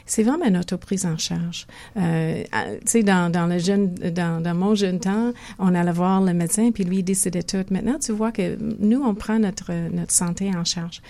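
A woman's voice: on the low side, gravelly, dark tone. An older woman with a Québécois French accent, a physiotherapist speaking as a guest in a conversational interview, thoughtful and often restarting her sentences. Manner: thoughtful, many restarts and hesitations.

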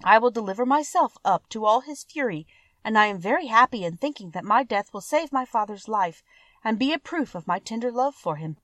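A gentle, selfless young heroine, read by a woman, brave and steady. She speaks calmly, with earnest resolve, a little higher than the narrator. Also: fairly quick, no echo. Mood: resolved.

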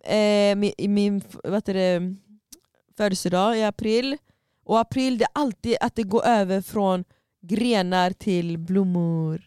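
A woman's voice: medium pitch, clear, resonant tone, no echo, clean studio sound. A young woman co-hosting a podcast in casual chat, acting out the lines of people in her stories. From Tunisia. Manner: animated storyteller, acts out quoted dialogue. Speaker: podcast co-host.

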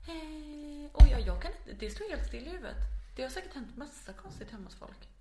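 A woman in casual talk with a fairly high voice. She tells stories with energy and acts out the voices of other people. The sound is roomy and echoey. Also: noisy background. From Småland, Sweden. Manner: lively storyteller, acts out quotes loudly. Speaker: guest. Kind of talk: casual podcast chat.

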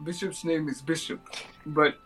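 A man's voice: a little high, level tone, moderate pace, sharp tone, faint music behind, rough recording. A man playing a tabletop game who stumbles over his words and speaks of his character in the third person. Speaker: player.

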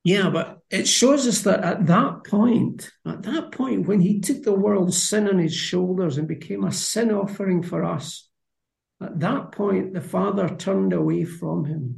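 Gravelly-voiced man explaining scripture. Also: high voice, measured pace, a little mellow, roomy sound. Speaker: Bible study co-host. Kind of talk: conversational Bible discussion.

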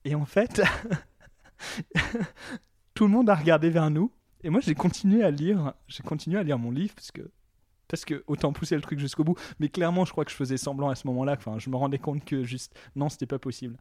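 A young man tells a story against himself, relaxed and chatty, with a few hesitations and bursts of laughter. His voice sits a little high but sounds warm and dark. The recording is dry and close. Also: fairly quick, dry recording. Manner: self-mocking, laughing, hesitant fillers. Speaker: podcast guest. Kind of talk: casual storytelling.

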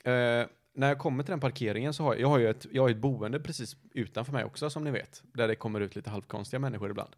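A man's voice: mid-range voice, few pauses. A man in casual podcast chat, telling a story at length, rambling and often correcting himself mid-sentence. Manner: rambling, self-correcting, lots of fillers. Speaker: podcast host.

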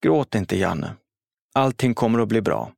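A man's voice: expressive, gravelly, a little mellow, dry recording, studio quality. A man voicing a terrified, pleading mother. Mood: soothing. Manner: pleading, raised pitch. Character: desperate terrified mother, woman, protective.

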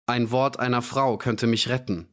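A man playing a proud, flustered young gentleman. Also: mid-range voice, steady tone, moderate pace, close to an everyday voice. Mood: indignant. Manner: indignant, flustered.

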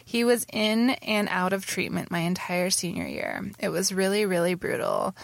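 A woman's voice: medium pitch, expressive, moderate pace, vocal fry, dry recording. A woman co-hosting a casual podcast, reading listener letters aloud with frequent laughs and blunt, swearing asides. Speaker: podcast co-host.

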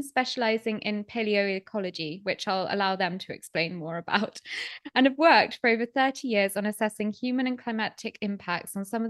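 A woman reads a scripted podcast introduction as host. Her delivery is measured and formal, at a medium pitch, recorded dry without room sound. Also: no echo.

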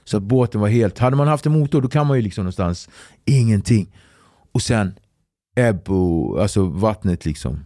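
A man guesting on a podcast, telling a story in a casual, animated way, swearing and acting out what others said. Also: on the low side, dry recording, studio quality. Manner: animated, swearing, acts out quotes, laughs through the story.

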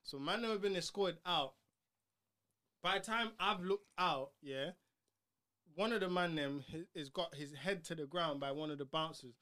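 A young man with a London accent, swapping stories casually with friends in animated, laddish slang peppered with bro, fam and swearing. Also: on the high side, normal speed. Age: young adult. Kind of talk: casual banter and storytelling among friends.

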